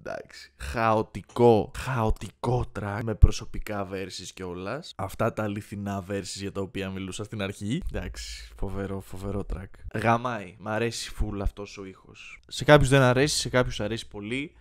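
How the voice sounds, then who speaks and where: A man hosting a podcast and reacting to a rap album in casual commentary. He gets excited, uses slang and swears freely, and thinks out loud as he goes. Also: on the low side, hardly any pauses.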